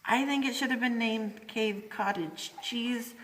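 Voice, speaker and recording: A woman's voice: on the high side, measured pace, recorded from a distance. A woman working as a cave tour guide, explaining things informally to a group of visitors inside a large cave. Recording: very echoey cave, long reverb, background noise.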